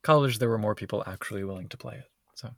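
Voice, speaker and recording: A man's voice: on the low side, very fast, gravelly, a bit bright, no room sound, studio quality. A man co-hosting a podcast in casual conversation, recorded inside a closet at home. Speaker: podcast co-host.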